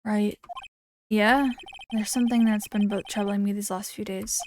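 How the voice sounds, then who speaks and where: A woman voicing a composed young male prosecutor haunted by guilt, reading game lines in a quiet, low-key confessional way. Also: fairly even intonation, normal speed, slight background noise, natural voice. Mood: troubled. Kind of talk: reading game dialogue aloud.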